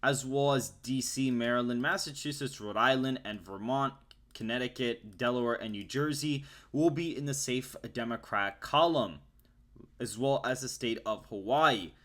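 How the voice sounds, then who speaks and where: A man reading out election polls state by state as he fills in a forecast map. His delivery is steady and list-like, pitched in an ordinary middle range, with small self-corrections along the way. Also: moderate pace. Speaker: political forecaster host.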